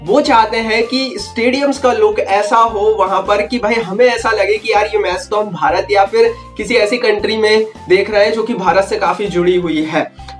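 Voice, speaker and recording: Young man, high voice, energetic cricket vlog. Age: young adult. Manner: energetic, addresses viewers as friends, gestures with hands. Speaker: cricket news YouTuber. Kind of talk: fast Hindi cricket news vlog. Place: indoor room, seated before a wooden wall.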